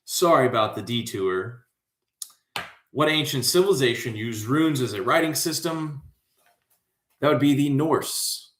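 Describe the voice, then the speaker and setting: A man's voice: mid-range voice, expressive, measured pace, pauses often, a bit bright. A man with an American accent, from Central Florida, hosting a casual livestream trivia show in a slangy, hyped, rambling way. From Central Florida, USA. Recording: echoey room.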